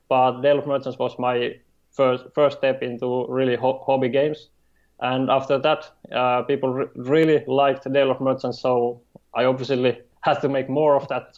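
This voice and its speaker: A man from Finland with a Finnish accent, a game designer speaking as a guest in an interview, halting and hesitant, with many fillers. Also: mid-range voice, darkish tone, lo-fi sound. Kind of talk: remote interview.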